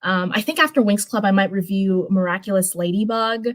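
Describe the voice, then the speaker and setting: A young woman hosting a casual livestream reads fan fiction aloud and drifts into rambling, informal commentary, often backing up to correct herself. Her medium-pitched voice is steady in tone and brisk.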